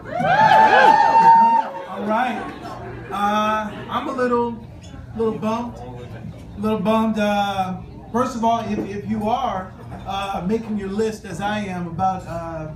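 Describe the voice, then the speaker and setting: On a comedy club stage, a very high-voiced man performs stand-up, telling stories conversationally and acting out both sides of the dialogues in the characters' voices. He often pauses with "uh" between thoughts as the audience laughs. The noisy recording is echoey and captured from a distance.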